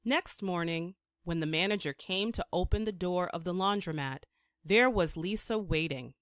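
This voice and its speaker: A woman storyteller giving an expressive read-aloud narration of a children's book. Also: fairly low pitch, normal speed, dry recording, studio quality.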